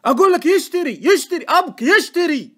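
A man with a Gulf Arabic accent voicing an excitable, insistent male stock tipster in an audiobook. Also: on the high side, normal speed, pitched above the performer's own voice. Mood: indignant. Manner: insistent, indignant, loud. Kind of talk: audiobook character voice.

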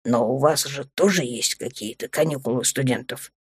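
A woman voicing a dark alien lord, a grown man who is tender and teasing, speaking low and soft. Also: brisk, breathy edge, no echo, clean studio sound, heavily acted. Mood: calm reassuring.

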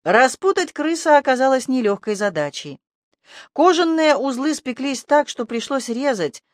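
An audiobook narrator reads a fantasy tale in an even storytelling delivery. The recording is close and dry, with a middling pitch. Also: no room sound.

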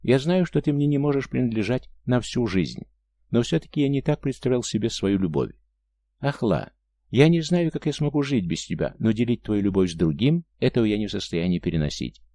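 A man's voice: medium pitch, animated, a little fast, warm tone, no room sound, lightly acted. Man reading a lovesick young man. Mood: desperate.

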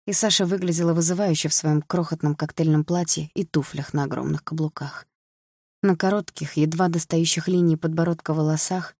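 A woman narrating a novel as an audiobook, in an even, measured reading. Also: low-pitched, dry recording, clean studio sound.

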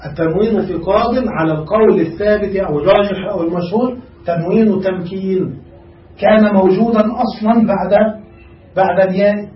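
Give me a male teacher who keeps asking his class check questions, recorded in an echoey room. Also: high-pitched. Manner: quizzes students with frequent check questions. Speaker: grammar teacher. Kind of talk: classical grammar lesson. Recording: echoey room, far from mic, dull.

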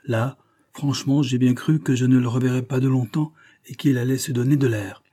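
A man's voice: medium pitch, fairly even intonation, a little fast, mellow, lightly acted. A man voicing an eager male servant who spies for his boss and reports to him humbly and at length. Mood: reporting. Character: eager, deferential male servant turned spy.

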